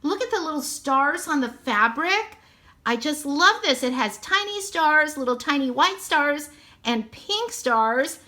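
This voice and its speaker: A woman's voice: high-pitched, expressive, measured pace, bright, forceful tone. A woman narrating a toy unboxing, gushing sweetly and repeating how cute everything is.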